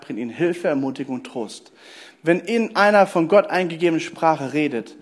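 A man preaching a lively sermon, telling stories and speaking straight to his listeners. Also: on the high side. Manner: lively storytelling preacher, addresses listeners directly. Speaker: pastor.

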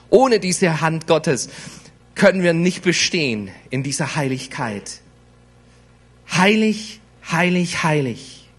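A man delivers a sermon with a high-pitched voice. He speaks slowly and deliberately. He leans on repeated words for weight. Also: a bit bright. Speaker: preacher.

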